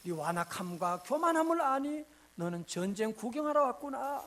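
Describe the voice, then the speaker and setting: A man voicing an angry older brother who scornfully scolds his youngest sibling, in a sharp, scolding manner. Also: very high voice, very animated, moderate pace, full character voice.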